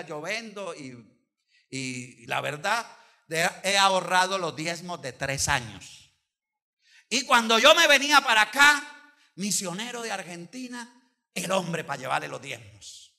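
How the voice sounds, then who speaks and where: An older pastor preaches with animated storytelling, acting out the voices of the people in his anecdote. His voice is very bright and sits a little high for a man. He swings his delivery between loud, emphatic lines and quieter asides. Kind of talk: sermon with anecdote.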